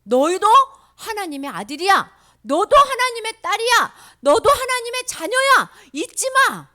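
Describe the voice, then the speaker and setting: A woman voicing a gentle but firm Jesus figure, speaking earnestly to children. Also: extremely high pitch, big pitch swings, a little fast, pitched above the performer's own voice. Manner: firm, earnest, at times whispered.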